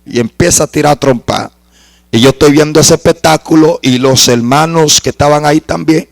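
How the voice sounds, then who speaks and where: A man preaches a sermon with a high voice. He tells his story dramatically and builds up to shouts of praise. His voice sounds close and dry. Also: moderate pace, creaky, no room sound, rough recording. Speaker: pastor.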